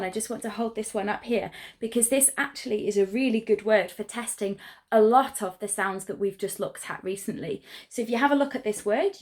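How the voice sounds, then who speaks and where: A woman teaching a pronunciation lesson, explaining sounds in a clear, patient and encouraging way. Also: medium pitch. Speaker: language teacher.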